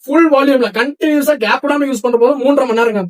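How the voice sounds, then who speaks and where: A man from Tamil Nadu who runs a shop, chatting rapidly through a product demo and sales pitch and often checking with viewers. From Tamil Nadu, India. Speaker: shop seller presenting products.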